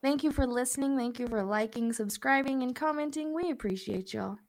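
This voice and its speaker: A woman co-hosts a casual podcast, chatty and laughing between points. Her voice is a little high and a little fast, and she sounds slightly stuffy from a cold.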